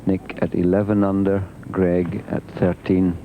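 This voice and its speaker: A man giving live golf commentary as a golf commentator, measured and conversational, as if thinking aloud. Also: low voice, little pitch movement, dark tone. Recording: muffled, noisy 1990s TV broadcast.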